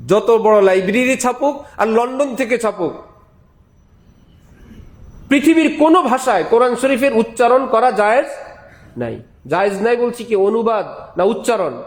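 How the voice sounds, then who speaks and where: A male preacher giving a sermon, emphatic, repeating key phrases and asking rhetorical questions. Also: very high-pitched. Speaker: Islamic preacher. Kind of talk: Bengali waz sermon.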